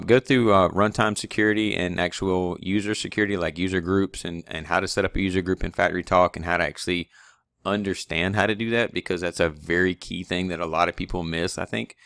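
A man's voice: deep voice, steady tone, brisk, gravelly, fairly bright tone, clean tone, no room sound, studio quality. A man, an online automation-training instructor, casually walks viewers through his course website with many fillers and restarts. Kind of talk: screen-recorded course walkthrough.

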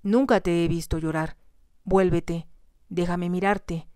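Cold, curt aristocrat husband, voiced by a woman in whispered role-play; keep it low and smooth. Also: fairly even intonation, slow pace, warm tone, no echo, clean studio sound. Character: cold, commanding aristocratic husband called the devil.

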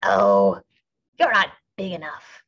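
A woman voicing a small grouchy ladybug that picks fights, with loud, brash taunts, on a slightly muffled recording. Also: a little high, big pitch swings, measured pace, husky, voice pushed up, exaggerated voice.

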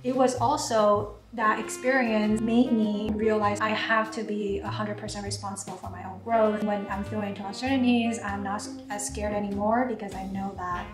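A twenty-something Taiwanese YouTuber, first language Mandarin, runs a casual Q&A vlog in her echoey home kitchen with background music. Her medium-pitched voice is fairly even, moving at a moderate pace with hardly a pause, full of "like" fillers, and sounds far away since the camera is across the counter.

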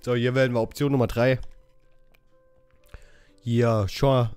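A man giving a casual game walkthrough, haltingly reading out English dialogue options and correcting himself as he goes. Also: mid-range voice, little pitch movement, a little mellow, clean tone, faint music behind. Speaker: gaming channel host.

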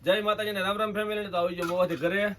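A man, the vlogger's husband, brisk and plain-spoken, joking about being hungry. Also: high voice, steady tone, fairly bright tone.

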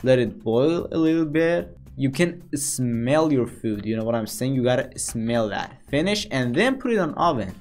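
A man's voice: mid-range voice, animated, normal speed, few pauses, a little mellow. A man giving casual, playful commentary as he plays a game, talking to the characters on screen. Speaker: gaming commentator. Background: background music.

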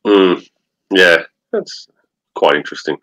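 A middle-aged Australian man, a guest speaking over a video call, relaxed with many fillers. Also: sits low, unhurried, rough recording. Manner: relaxed, fillers like um and you know. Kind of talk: interview.

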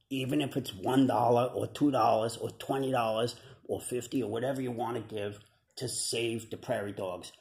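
A chatty, wisecracking prairie dog puppet with a New York accent rattles off slangy tough-guy patter, voiced by a man. The voice has a gravelly, fried edge at a middling pitch. It is picked up by a webcam in a room at home. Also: a little mellow, roomy sound. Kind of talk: puppet comedy sketch.

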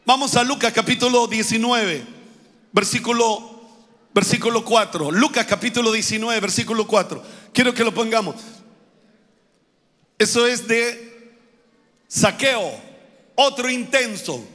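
High-voiced pastor preaching fervently. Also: male voice, measured pace, pauses often, long reverb tail. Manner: fervent, repetitive preaching that swells into shouts. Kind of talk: sermon. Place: church.

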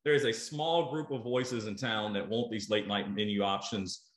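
A man's voice: fairly low pitch, steady tone, moderate pace. A middle-aged man, interviewing a guest over a video call, thinking aloud with many fillers and repeated words. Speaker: interviewer, food show host. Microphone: earbuds on a video call. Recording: roomy video call audio.

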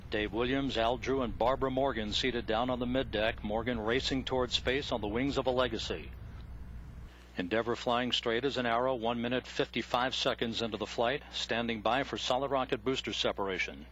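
A man giving measured mission control radio commentary on a spaceflight. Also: medium pitch. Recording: dull lo-fi broadcast feed, loud background noise.

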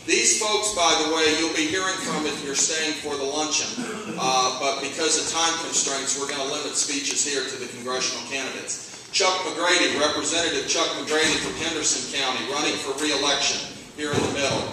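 A middle-aged man with a slightly high voice, speaking at normal speed, chairs a party convention from the stage of a large hall and drops in folksy jokes. His handheld mic runs through the PA, and the camera sits far off, so the recording is distant and echoey with background noise.

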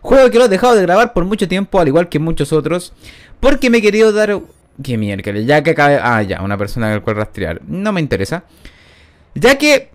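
A man's voice: a little high, sing-song, brisk. Chatty man commenting on gameplay. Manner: rambling, self-mocking, chatty. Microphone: new studio microphone.

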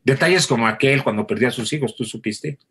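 A man, a theatre actor, telling anecdotes in relaxed conversation and acting out the people he quotes. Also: medium pitch, fast talker, breathy edge. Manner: animated storyteller acting out quoted voices. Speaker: theatre actor, interview guest.

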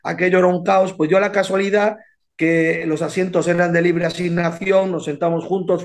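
High-voiced man telling anecdotes. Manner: animated storyteller, repeats words, acts out quotes. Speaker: boxing coach.

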